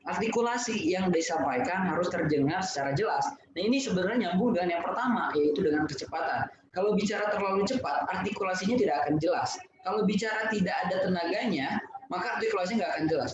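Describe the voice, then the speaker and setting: A man giving an online lesson on public speaking, explaining point by point with many fillers. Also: sits high. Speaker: webinar speaker. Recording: echoey, distant, dull and noisy.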